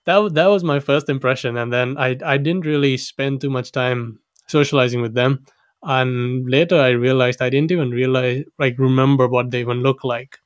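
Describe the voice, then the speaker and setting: A man's voice: medium pitch, fairly even intonation, normal speed, clear, resonant tone, dry recording. Dry, close young man from Sri Lanka. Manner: chatty, with frequent restarts and laughs. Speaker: guest storyteller. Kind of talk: casual personal storytelling.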